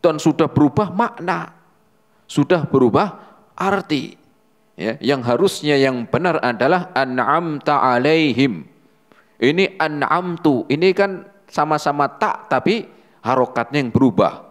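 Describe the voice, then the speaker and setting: A man's voice: on the high side, expressive, unhurried. A man teaching Quran recitation as an Islamic teacher, patient and repetitive, asking the class rhetorical questions. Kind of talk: religious lesson on Quran recitation. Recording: long hall reverb.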